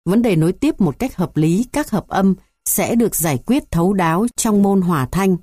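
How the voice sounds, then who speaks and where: A woman reading a music theory textbook aloud in an even, measured way, going through numbered points. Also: medium pitch, breathy edge, dry recording, clean studio sound. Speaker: textbook reader.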